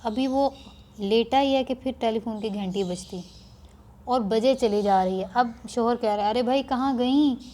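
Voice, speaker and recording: A middle-aged woman teaches a class with a mellow, slightly high voice. She goes through a play patiently, stopping to explain it, and raises her voice when she acts out its dialogue. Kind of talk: reading a play aloud to students with explanations.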